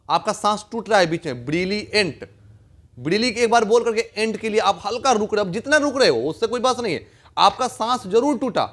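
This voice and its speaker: A man's voice: high voice, a bit bright. A young man teaching a grammar lesson to a class, often repeating questions and checking whether the students understand.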